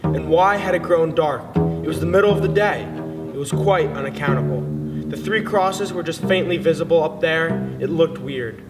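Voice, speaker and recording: A man with a fairly high voice reads a literary story at normal speed, giving it a solemn, dramatic narration. The sound is distant, with long reverb and music playing behind him.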